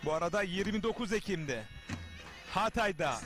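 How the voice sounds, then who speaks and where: A high-pitched man's voice delivers live wrestling commentary with music clearly playing behind him. He speaks to viewers as a TV host, in short, emphatic phrases. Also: moderate pace.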